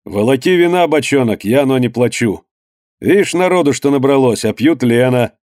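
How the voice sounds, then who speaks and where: A man reading aloud, voicing a boastful, hot-tempered rich merchant in a loud, scornful way. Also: mid-range voice, lively intonation, moderate pace, no room sound, studio quality, voice pushed up, natural voice. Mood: boisterous. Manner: loud, scornful tavern talk.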